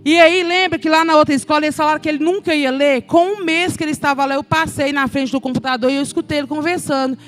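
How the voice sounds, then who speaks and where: High-voiced Brazilian woman giving testimony. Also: fairly even intonation, quick pace, few pauses, faint music behind. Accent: Brazilian Portuguese. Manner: emotional, addresses the congregation as brothers. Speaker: children's ministry speaker. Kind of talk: testimony sermon.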